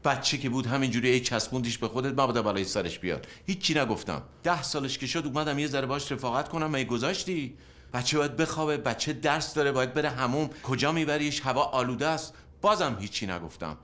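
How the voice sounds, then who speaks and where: Actor as a middle-aged husband, sarcastic, grumbling, mid-pitched. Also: male voice, a bit bright, natural voice. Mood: weary. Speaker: husband and father. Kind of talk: film drama acting.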